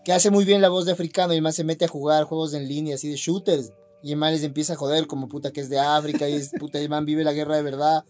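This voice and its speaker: A man's voice: fairly high pitch, level tone, quick pace, few pauses, a little mellow. A young man, co-hosting a podcast and telling stories in laid-back slang. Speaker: podcast co-host. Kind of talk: casual chat.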